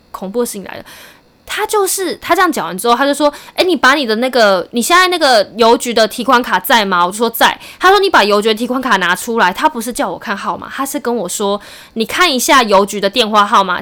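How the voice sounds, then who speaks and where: A woman's voice: on the high side, sharp tone. A woman in her thirties with a Taiwanese Mandarin accent, telling a story in casual chat, acting out the other side's lines and laughing often. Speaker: podcast co-host.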